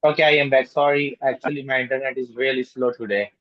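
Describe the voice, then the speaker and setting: A man teaching an online class whose voice glitches and breaks up over a slow connection, halting and repeating himself as he checks whether students hear him. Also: mid-range voice, fairly even intonation, no echo. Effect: glitching, breaking-up audio from a slow internet connection. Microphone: computer or phone on a video call. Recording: dull lo-fi video call audio.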